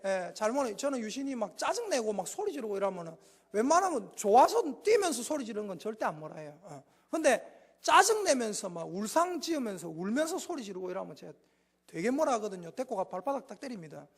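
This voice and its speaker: A male pastor with a Gyeongsang Korean accent preaching a Sunday afternoon sermon in a folksy, animated way, prompting the congregation to answer. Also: extremely high pitch, a little fast. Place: church sanctuary. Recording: reverberant church hall.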